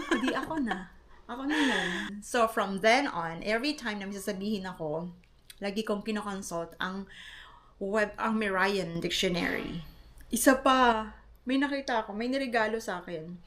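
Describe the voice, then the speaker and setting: A young adult woman from the Philippines, a foreign English teacher, telling a casual vlog story in an animated way, laughing often and mixing English into her talk. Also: medium pitch, normal speed.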